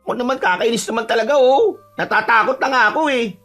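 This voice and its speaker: A man's voice: very high voice, fast talker, a bit bright, soft background music. A man voicing a jumpy, easily scared young man from the city in an audio horror story. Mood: nervous. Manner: nervous, whiny and fearful.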